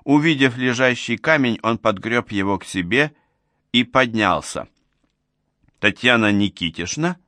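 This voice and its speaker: A man's voice: medium pitch, moderate pace, pushed and bright, no room sound. A man narrating a science fiction story as an audiobook, reading expressively.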